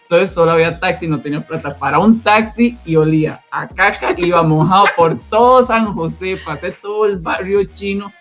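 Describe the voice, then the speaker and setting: A man's voice: high-pitched, moderate pace, hardly any pauses, fairly bright tone, faint music behind. A man from Costa Rica with a Costa Rican accent, co-hosting a casual chat and telling a self-mocking story, laughing as he talks. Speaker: podcast co-host.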